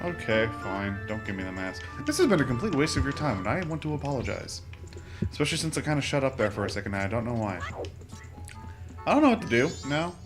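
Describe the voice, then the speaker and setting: This let's play host has a mid-range voice with big pitch swings and a quick pace. He gives casual, meandering commentary on the game, often breaking off for jokes, with video game music in the background.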